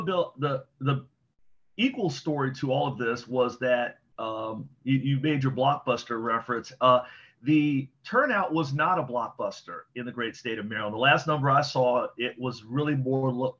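A man talks politics in an easygoing, conversational way and thinks aloud as he goes. His voice is slightly husky. It comes through dull, muffled remote call audio. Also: mid-range voice, a bit bright. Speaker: podcast co-host. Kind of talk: casual political chat.

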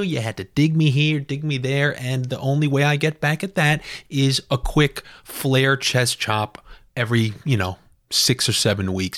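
A man, hosting a comedic podcast monologue. He rants sarcastically, pokes fun at himself and rambles through his stories in an average-pitched voice. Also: a bit bright, dry recording, clean studio sound. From New York. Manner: sarcastic, ranting, self-deprecating. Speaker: podcast host.

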